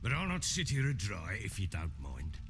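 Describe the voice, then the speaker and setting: An actor playing a gruff, wily, hard-drinking middle-aged baron in a video game, blustering and theatrical. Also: male voice, low voice, huge pitch swings, normal speed, faint music behind. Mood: blustery. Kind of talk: video game cutscene acting.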